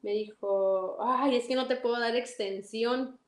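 A young woman with a Mexican accent tells her story animatedly and acts out each exchange with a high, bright voice. Her voice rings in an echoey room. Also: unhurried. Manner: animated, acts out dialogue, laughs often. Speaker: interview guest. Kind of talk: casual storytelling.

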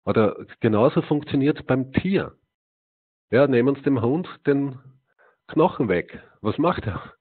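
A man's voice: mid-range voice, animated, measured pace. A man giving a live talk to a seated audience, emphatic, asking rhetorical questions and answering them himself, with frequent hesitations. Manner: sprinkles in "ja" and hesitant "äh". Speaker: lecturer. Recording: tinny, phone-like narrow sound.

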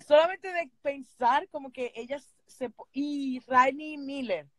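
Lively high-voiced Dominican woman. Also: unhurried, no echo. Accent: Dominican Spanish. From Dominican Republic. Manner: animated, gushing, slips into English phrases. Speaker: book channel host. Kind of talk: casual chat.

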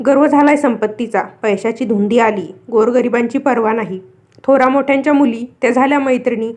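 A woman's voice: darkish tone, natural voice. A woman voicing an angry old beggar woman. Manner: slow, coughing, low-voiced. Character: old woman goddess in disguise, stern and offended.

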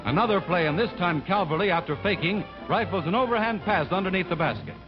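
A man narrates in a formal announcer style, in the manner of an old 1940s newsreel. His voice sits a little high for a man and comes through a dull, lo-fi film soundtrack. A loud music score plays under him the whole time. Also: quick pace. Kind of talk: scripted sports newsreel narration.

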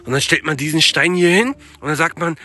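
Man with a high, very bright, gravelly voice, joking through game role-play. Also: fairly quick. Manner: casual, joking, addresses viewers. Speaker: guest player.

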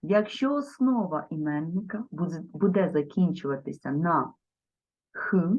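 A woman gives a grammar lesson in a slow, deliberate voice that is slightly husky, with a lively rise and fall in her pitch. She spells out each word form carefully and talks straight to her viewers. The recording sounds dull and lo-fi. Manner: addresses viewers directly. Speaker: teacher.

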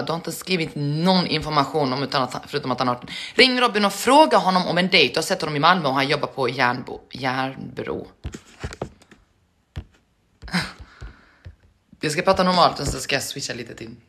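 A woman's voice: low-pitched, expressive, long pauses, a bit bright. A woman chatting casually to her live-stream viewers between prank calls, joking and laughing at herself. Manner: chatty, self-mocking, laughs often.

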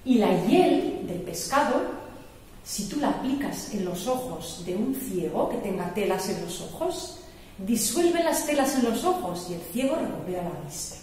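A woman teaching a Bible class, voicing a calm, knowing young man who patiently explains things, heard from far off in an echoey church hall. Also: medium pitch, measured pace, a little hiss or hum. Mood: explaining. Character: young male travel guide, calm and knowing.

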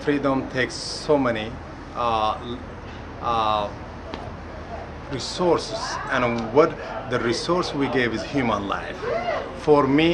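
A middle-aged man from Eritrea, interviewed outdoors at night, speaking earnestly with halting pauses. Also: medium pitch, expressive, noisy background. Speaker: interviewee at a celebration. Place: parking lot at night.

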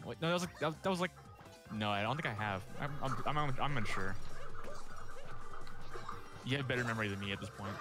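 A man's voice: mid-range voice, animated, fairly quick, pauses often, over music. A young man co-hosting a let's play, rambling and hesitant with lots of fillers in casual gaming chat.

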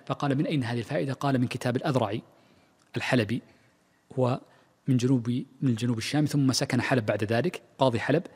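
A man's voice: medium pitch, a little mellow, slightly rough. A middle-aged man, a sheikh, giving a spoken lecture on Islamic jurisprudence, thinking aloud with many fillers and restarts. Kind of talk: mosque lecture, spoken freely. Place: large mosque. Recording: long reverb of a large mosque.

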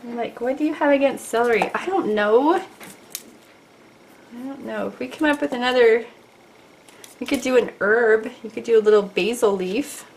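A woman's voice: fairly high pitch, moderate pace, long pauses, slight background noise. A middle-aged woman teaching a casual drawing lesson, chatty and playful, talking to her viewers as she sketches at a desk. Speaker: art teacher.

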